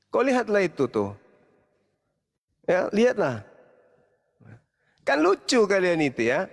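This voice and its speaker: A man, an Islamic preacher delivering a heated, mocking monologue of repeated rebukes. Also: fairly high pitch. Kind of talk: angry scolding monologue. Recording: long hall reverb.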